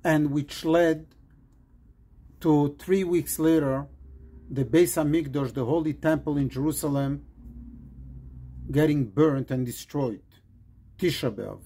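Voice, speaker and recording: A man from Morocco, a rabbi, giving an earnest pre-Shabbat sermon in short, measured phrases. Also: a little high, mellow, breathy edge.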